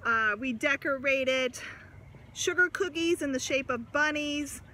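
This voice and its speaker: A woman in her forties, a family vlogger, holds her phone at arm's length on a busy, sunny farm and talks to camera in a casual, upbeat way. Her voice sits high, bright and pushed, at a measured pace, and she's chatty and encouraging toward her kids. Crowd sounds and outdoor noise fill the background.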